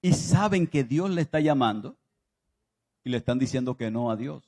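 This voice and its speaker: A pastor preaching a sermon, moving from loud exclaiming to soft confiding speech and acting out biblical voices as he tells the stories. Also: medium pitch, expressive, moderate pace. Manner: acts out biblical voices in his telling.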